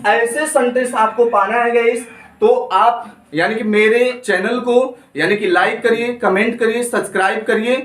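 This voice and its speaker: A man with a high voice teaches a grammar lesson, asking the same question again and again and answering it himself. He sounds set back from the mic in an echoey room. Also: steady tone, moderate pace, fairly bright tone, recorded from a distance. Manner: repetitive question-and-answer drilling. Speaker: spoken English teacher.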